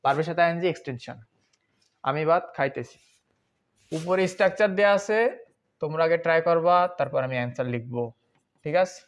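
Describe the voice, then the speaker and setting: Chatty young grammar teacher. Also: male voice, on the high side, a little fast, pauses often. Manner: chatty and informal, asks questions and answers them himself. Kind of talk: online grammar lesson.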